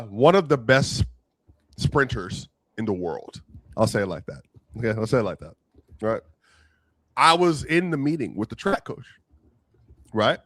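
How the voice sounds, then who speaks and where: A man co-hosting a casual sports talk show, telling stories from his playing days in a slangy, animated way. His pitch swings all over as he talks. The recording is dry and close, with no room sound. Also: no echo. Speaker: podcast co-host, former college player.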